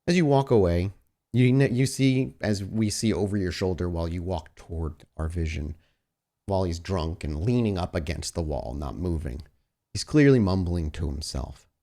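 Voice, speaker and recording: Deep, gravelly and mellow, this man's voice moves at a moderate pace as he narrates a tabletop roleplaying game. Speaking straight to his player in a conversational, descriptive way, he mixes improvised narration with relaxed table chat.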